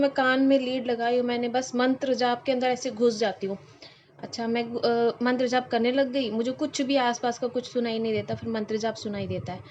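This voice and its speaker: A woman's voice: a little high, darkish tone, a little hiss or hum. A young woman telling a devotional story in an emotional, rambling way, with many fillers and restarts. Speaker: devotee sharing experience. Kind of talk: devotional testimony talk. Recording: dull lo-fi with faint ambience.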